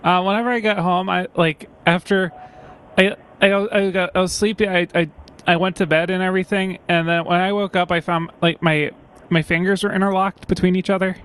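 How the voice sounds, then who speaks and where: A man's voice: high voice, flat delivery, brisk, fairly bright tone, smooth. A man making a prank phone call, speaking in a hesitant, stammering, rambling way. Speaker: prank caller.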